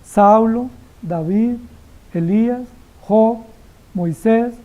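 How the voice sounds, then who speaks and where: A woman's voice: on the high side, very slow, dull audio. A woman preaching an expository sermon, dramatically acting out biblical dialogue and firing rhetorical questions at the congregation.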